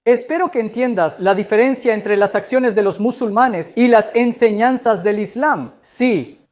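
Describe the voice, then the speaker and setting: A woman giving a measured, explanatory talk as a guest speaker, answering audience questions at a church event. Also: fairly high pitch, darkish tone.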